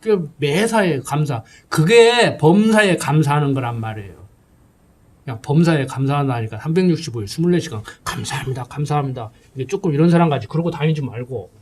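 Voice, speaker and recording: A man's voice: fairly high pitch, animated, brisk, slightly rough. A middle-aged male pastor preaching a sermon in a folksy, conversational way, often checking in with his listeners.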